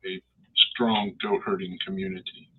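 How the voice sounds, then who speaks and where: A man's voice: low-pitched, little pitch movement, normal speed, a little hiss or hum. A man talking casually as a podcast guest, laid-back and joking, heard over a tinny line. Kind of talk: casual chat.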